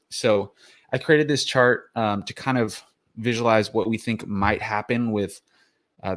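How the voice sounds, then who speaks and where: Breathless low-voiced man explaining casually. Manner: rambling, many fillers and restarts. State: out of breath after the gym. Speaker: crypto video host.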